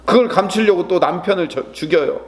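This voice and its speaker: A man's voice: high voice, brisk. A man preaching a sermon as pastor, acting out prayers and quotes, then asking the congregation questions and answering them himself.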